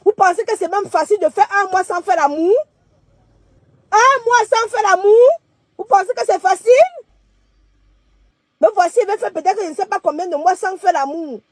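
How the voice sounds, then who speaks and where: Very high-voiced emphatic woman. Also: a little fast, no echo. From Cameroon. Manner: emphatic and declaiming, with sudden swings in loudness. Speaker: live streamer. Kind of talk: livestream monologue.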